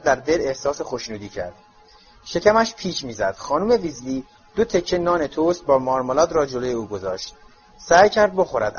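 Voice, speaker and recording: An expressive male narrator reading a storybook with a lively, rising and falling delivery. His voice sits somewhat high for a man. The recording is a little muffled, with faint music playing underneath. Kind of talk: audiobook reading.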